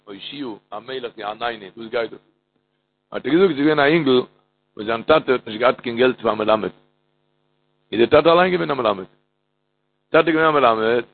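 A man preaching a storytelling sermon, animated, swinging from loud calls to low murmurs and intoning prayer phrases in a singsong. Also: creaky. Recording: tinny phone-like line.

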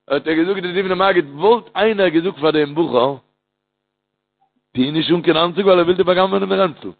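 A man preaching a storytelling sermon, animated, swinging from loud calls to low murmurs and intoning prayer phrases in a singsong. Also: fast talker, gravelly. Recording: tinny phone-like line.

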